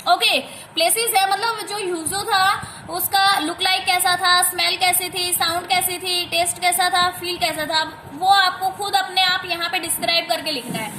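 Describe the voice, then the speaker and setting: An Indian woman teacher going through a textbook exercise, reading English lines slowly, then explaining quickly and coaxingly to a child. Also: very high-pitched, steady tone, pushed and bright, slight background noise. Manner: mixes Hindi and English, slow when reading English aloud, quick when explaining; addresses the listener as a child, coaxing.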